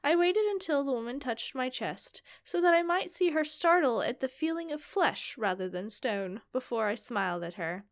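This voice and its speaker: A woman voicing a boastful, confident male vampire, reading slowly and savoring each line, a little nasal from a cold. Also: fairly high pitch.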